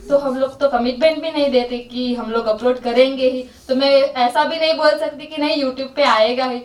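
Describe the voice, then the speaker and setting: High-voiced young woman in echoey hall. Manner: earnest, retelling events step by step. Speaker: volunteer sharing an experience. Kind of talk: personal story told to a group. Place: large hall. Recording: echoey hall, far from mic.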